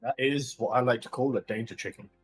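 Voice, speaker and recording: A man's voice: medium pitch, fast talker, over music. A man chatting casually as a player in an online tabletop game, joking and laughing often. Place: home computer desk.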